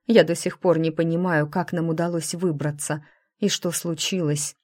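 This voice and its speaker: A woman voicing a caring, protective elder sister who is gentle but firm. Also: low voice, flat delivery, normal speed, dry recording, studio quality.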